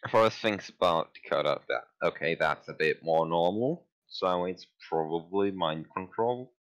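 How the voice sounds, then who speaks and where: Low-voiced man playing a tabletop game. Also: fairly bright tone. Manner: halting, casually profane. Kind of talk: casual game chat.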